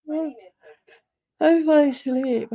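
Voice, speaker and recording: Middle-aged lady running a live chat, kinda high voice, rambly frank stories. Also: slow, dry recording. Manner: chatty, animated storytelling with frank asides. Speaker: livestream host. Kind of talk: casual group chat.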